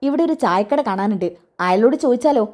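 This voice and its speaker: A woman's voice: a little high, lively intonation, fast talker, a little mellow, lightly acted. A woman voicing a fussy, complaining male companion who follows his boss around. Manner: whiny, complains.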